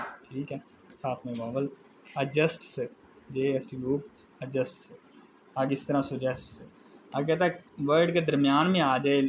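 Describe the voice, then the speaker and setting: A man with a Pakistani Urdu accent and a mid-range voice teaches shorthand in a classroom lecture, methodically spelling out letters one by one as he explains the strokes. The audio is poor, with slight background noise.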